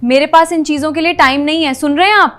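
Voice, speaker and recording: A woman's voice: high voice, steady tone, a bit bright, faint music behind. A woman with a Pakistani Urdu accent, playing the bossy, playful wife in a scripted couple vlog skit. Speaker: vlogger wife.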